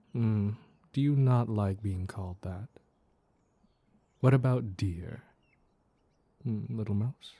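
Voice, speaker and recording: Guy doing a mad flirty cat man for roleplay audio, really dark mellow voice, husky, slow n teasing. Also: on the low side, no room sound. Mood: tender, reassuring. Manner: slow teasing purr, coy pet names. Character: mischievous, flirtatious mad male Cheshire cat. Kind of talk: intimate roleplay audio acting.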